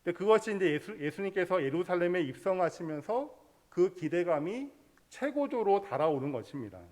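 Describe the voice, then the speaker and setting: A man's voice: high-pitched, very animated, brisk, a little mellow. A man preaching a sermon, explaining a Bible passage step by step and leading the congregation in reading scripture aloud. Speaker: pastor.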